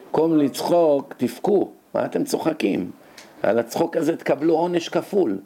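A man giving a lively religious lecture as a rabbi, rhetorical and animated, his voice jumping up when he scolds. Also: fairly high pitch, vocal fry. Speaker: rabbi giving a Torah lesson.

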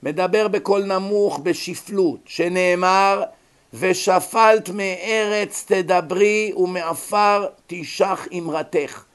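A man, a rabbi giving a Torah lecture, who acts out small scenes in other voices as he goes. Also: fairly high pitch. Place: abroad, in America.

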